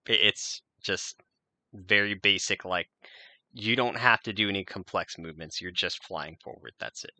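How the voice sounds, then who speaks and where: A man narrating a tabletop game as game master, halting with many fillers. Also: low-pitched, bright, forceful tone.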